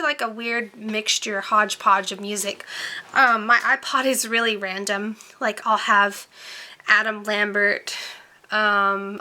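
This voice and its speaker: Chatty bright-voiced young woman. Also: mid-range voice. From born in Romania, raised in Tennessee. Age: 20s. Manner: chatty, rambling, many ums and likes. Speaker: beauty vlogger. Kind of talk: casual Q&A chat to camera.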